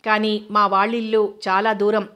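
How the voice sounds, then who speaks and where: A woman voicing a bold young woman who talks firmly and calmly, in a mid-pitched, narrow-ranged tone. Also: normal speed, natural voice. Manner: firm and composed.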